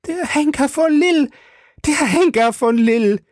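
A male reader voicing a terrified accused noblewoman with a shrill, hoarse shriek, in a high, straining voice. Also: animated, unhurried, a little mellow, no echo, clean studio sound.

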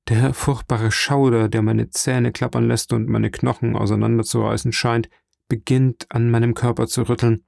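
A man voicing a dying old priest in an audiobook, slow, earnest and fatherly, weak and failing. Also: mid-range voice, vocal fry, a little mellow, no echo, clean studio sound. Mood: solemn. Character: dying old male priest, gentle and solemn. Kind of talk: audiobook character reading.

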